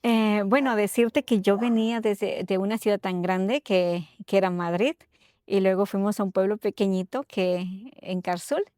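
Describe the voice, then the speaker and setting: Her medium-pitched voice carries a darkish tone on a dry recording. The middle-aged woman from Ecuador relates her own story in halting fashion as an interview guest, often tacking on tag questions to check in.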